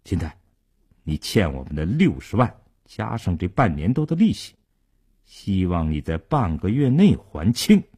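A man doing a cold, low-voiced gangster debt collector. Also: huge pitch swings, measured pace, long pauses, husky, heavily acted. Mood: menacing. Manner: low, quiet, threatening.

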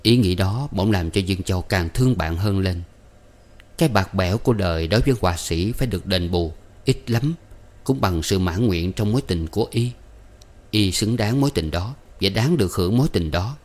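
A male audiobook narrator with a fairly low voice. He reads the story in a measured, steady manner.

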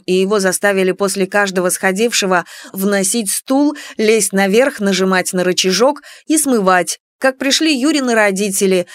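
A woman reads an audiobook in an expressive storytelling manner. Her voice sits in the middle range. The recording is dry and close. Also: no echo. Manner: expressive reading, voicing characters' lines with raised pitch. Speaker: audiobook narrator. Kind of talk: scripted audiobook narration.

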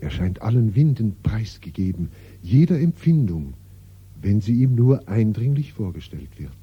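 An actor speaking the uneasy inner monologue of a brother troubled by his mission, in a husky, brooding way, in a classic radio drama. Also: on the low side, big pitch swings, normal speed, heavily acted. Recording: dull old radio recording.

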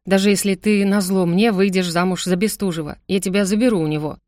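Casting: woman playing a possessive young man, insistent and hushed, dry close sound. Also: medium pitch, fairly even intonation, fast, no room sound, lightly acted. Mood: pleading. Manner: insistent, then hushed and pleading. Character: possessive young adult man, intense older stepbrother.

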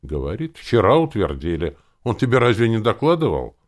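A man's voice: lowish voice, big pitch swings, brisk, voice pushed up. A man voicing a bossy, grumbling male zombie quartermaster who wheezes and barks orders in an audiobook. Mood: exasperated. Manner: gruff, wheezing, shouting orders. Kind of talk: audiobook character voice.

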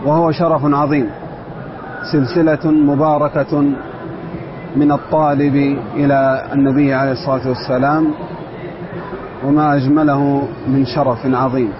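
A man, a student of Quran recitation, giving an earnest and devout personal testimony. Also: on the high side. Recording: dull audio with loud outdoor ambience.

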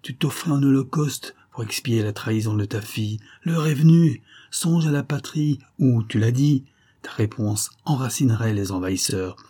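A man's voice: mid-range voice, normal speed, warm tone, breathy edge, lightly acted. A man voicing a defiant young Carib warrior who pleads proudly with his father in an adventure story.

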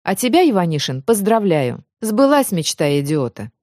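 A woman's voice: lowish voice, sing-song, darkish tone, no echo, studio quality. A woman reading the part of a brash, blunt veteran journalist woman in an audiobook. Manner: brisk, blunt.

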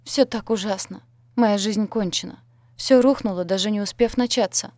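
Woman doing a whiny, tearful young rich girl for an audiobook, pitched high and pushed loud. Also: normal speed, dry recording, natural voice. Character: weepy spoiled young heiress girl. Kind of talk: audiobook character voice.

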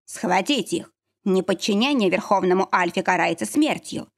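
A woman's voice: medium pitch, expressive, moderate pace, creaky. Stern old wolf pack boss, formal, bossy, read by a woman. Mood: commanding. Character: stern old male werewolf pack leader.

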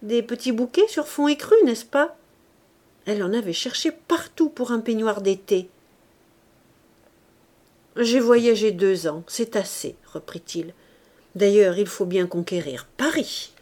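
Slow, measured woman reading a novel. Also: mid-range voice, lively intonation, darkish tone. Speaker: audiobook reader. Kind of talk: reading a classic novel aloud.

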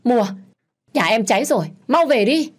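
A tearful young village man yells urgent news, put on by a woman reader. The voice is husky, the shouting raw and choked. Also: a little high, very animated, moderate pace, pitched above the performer's own voice. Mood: alarmed.

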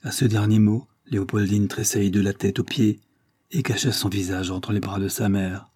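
A man narrating a classic novel as an audiobook, measured and even. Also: lowish voice, husky.

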